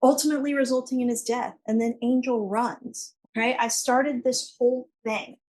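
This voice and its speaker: A woman's voice: fairly high pitch, a little mellow, slight background noise, rough recording. A woman prosecutor giving a courtroom closing argument, emphatic and pressing her points through repetition. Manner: emphatic, repeating key phrases for force.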